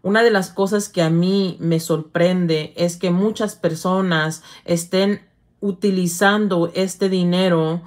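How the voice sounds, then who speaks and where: A middle-aged woman, hosting a casual livestream, reading viewer comments aloud and calling her viewers "hija" in an affectionate, halting manner. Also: on the low side, steady tone, darkish tone. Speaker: livestream host.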